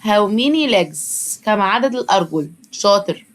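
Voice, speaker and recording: A woman teacher with an Egyptian Arabic accent leads a lesson for young children. She drills each word by saying it slowly several times and praises the kids as they go. Her voice sits in an ordinary middle pitch. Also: expressive. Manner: drills words by slow repetition, encouraging.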